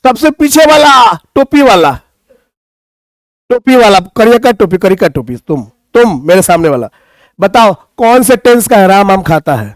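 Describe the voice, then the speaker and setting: A man's voice: high voice, sing-song, normal speed, no room sound. A man with a Bhojpuri accent teaching English grammar to a class, playfully teasing students and reciting verse. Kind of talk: classroom teaching with poetry and banter.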